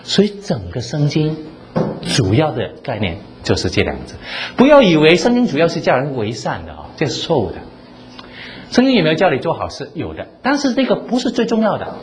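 A man preaching a sermon, animated, asking the room rhetorical questions and quoting scripture in dramatic voices. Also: fairly high pitch, brisk, slight background noise. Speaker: pastor.

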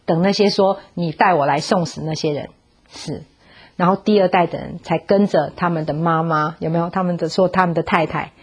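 Husky-voiced woman telling a story. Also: fairly low pitch. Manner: storytelling, coaxing questions to the audience; mixes in English words. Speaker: parenting speaker. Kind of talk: parenting talk with a Bible story.

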